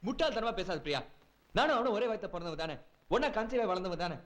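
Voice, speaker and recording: A man's voice: high voice, lively intonation, quick pace, fairly bright tone. An actor playing a young husband, Shiva, who coaxes and reasons with his tearful wife in a film scene. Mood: pleading. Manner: coaxing, half-laughing, reasoning. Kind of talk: film dialogue.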